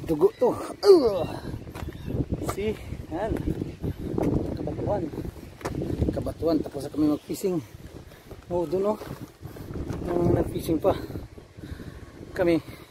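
A man's voice: sits high, slow pace, pauses often, background noise. A man vlogging casually on a rocky seashore, panting and effortful as he climbs, recorded on a handheld camera. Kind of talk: casual vlog narration.

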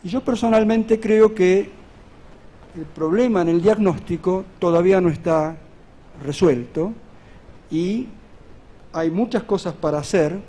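At a podium microphone in a large hall, a middle-aged man lectures at a medical conference. His voice is fairly high but dark in tone, and he explains earnestly, throwing in rhetorical questions.

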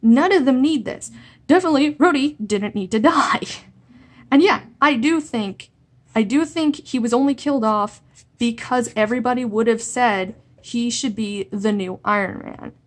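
A woman's voice: fairly high pitch, normal speed. A woman ranting in a vlog, exasperated and sarcastic, often stumbling and restarting her sentences. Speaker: comic-book video blogger.

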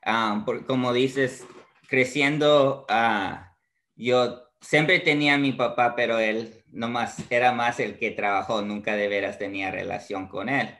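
A thoughtful man sharing his story on a podcast, speaking slowly and with care. His voice is bright and forward. He pauses and hesitates as he finds his words. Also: medium pitch, steady tone. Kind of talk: candid personal talk.

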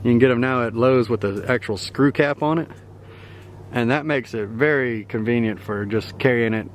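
A young vlogger with a mid-range voice talks at normal speed while showing viewers around his riverside campsite in an easygoing, rambling way, with frequent chuckles. A handheld camera mic records him outside, catching faint outdoor noise.

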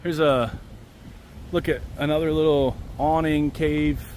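A vlogger in his thirties gives a casual walking tour along a busy city street, musing aloud as he points things out. His voice is on the high side and darkish, with fairly even intonation and an unhurried pace. It's recorded on a handheld camera mic with a front selfie view, with faint traffic noise.

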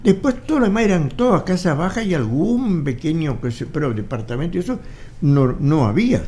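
A man in his eighties with an Argentine Spanish accent speaks on the high side, fairly quickly, with lively intonation and a warm tone. As a guest in a studio interview with photos on the walls, he tells his story animatedly and acts out old conversations, captured by a studio mic on a boom arm.

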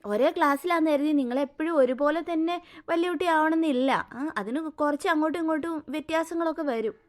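A woman voicing a gentle, patient cartoon mother who soothes and explains things to her daughter. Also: sits high, fast, natural voice. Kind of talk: cartoon voice acting.

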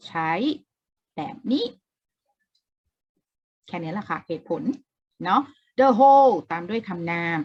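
A woman's voice: mid-range voice, lively intonation, slow pace, long pauses, dull audio. A woman teaching an English exam-prep lesson in a casual way, explaining step by step, repeating key words and asking the viewer questions.

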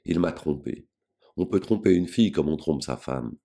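A man's voice: extremely low pitch, animated, moderate pace, dark tone, heavily acted. A man voicing a bitter, proud and rebellious young girl in an audiobook, speaking vehemently and with scorn.

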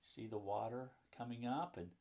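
A male pastor and children's book author in his 50s, with a mid-range, slightly mellow voice at medium pitch, reads a children's story at a moderate pace. He explains it simply for young listeners and adds chatty asides, indoors in a book-lined room at home or an office.

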